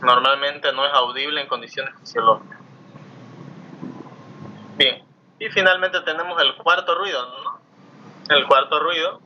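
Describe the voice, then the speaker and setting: A man's voice: fairly high pitch, fairly even intonation, measured pace, long pauses, pushed and bright. A man lecturing a class, explaining step by step and often asking his students questions. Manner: explanatory, asks students questions, frequent tag "¿no?". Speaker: teacher. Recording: muffled lo-fi mic with faint noise.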